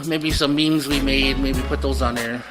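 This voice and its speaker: A man's voice: medium pitch, fairly even intonation, moderate pace, music in the background. A man co-hosting a podcast in casual chat, hesitant and full of restarts. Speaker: podcast co-host.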